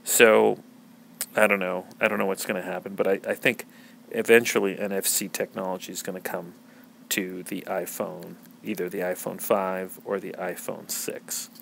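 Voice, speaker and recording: A man's voice: low voice, level tone, moderate pace, gravelly, a bit bright, a little hiss or hum. A man hosting a podcast, talking through tech news in a casual, rambling way with many fillers and restarts. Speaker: podcast host.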